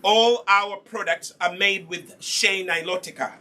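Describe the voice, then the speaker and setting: Speaking in a high, pushed and bright voice, a man from Uganda leads an informal live hair care demonstration. With a Ugandan accent and an even tone, he takes his time, instructing viewers on his natural hair products and restating the key points.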